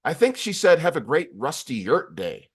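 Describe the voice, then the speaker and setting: A man doing a squeaky meddling shoulder bug. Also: sing-song, normal speed, slightly rough. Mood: scheming. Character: meddling little shoulder bug, scheming storyteller.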